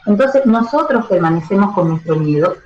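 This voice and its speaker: A woman's voice: medium pitch, lively intonation, moderate pace, darkish tone, reverberant, lo-fi sound. A woman giving expert advice as a radio interview guest, explaining with everyday analogies. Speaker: stress management educator.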